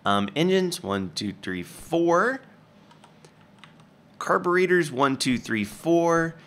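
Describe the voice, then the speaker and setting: A man's voice: fairly high pitch, slow. A man hosting a gaming video, giving goofy, chatty gameplay commentary. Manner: playful, animated, chatty.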